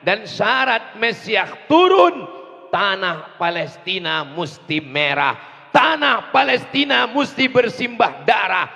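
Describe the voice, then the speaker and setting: Gravelly high-voiced preacher shouting outdoors. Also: male voice, sing-song. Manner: slow emphatic delivery, rising to shouts, repeats for the crowd. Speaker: preacher at a rally. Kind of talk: fiery rally sermon with call and response. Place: large outdoor rally. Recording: distant echo over crowd loudspeakers.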